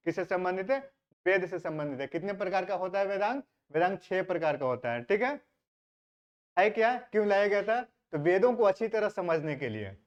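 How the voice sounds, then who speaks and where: A man teaching history for exam prep asks his class questions, then answers them himself, sprinkling English words throughout. He has a high voice, and the sound is dull and lo-fi.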